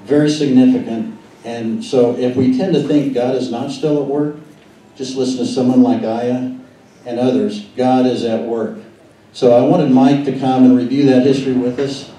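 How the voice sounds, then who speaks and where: A man's voice: mid-range voice, fairly even intonation, normal speed, dark tone. A man organizing a meeting, introducing a speaker in a rambling, hesitant way with fillers. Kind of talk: speech at a meeting. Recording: echoey room, distant mic, faint noise.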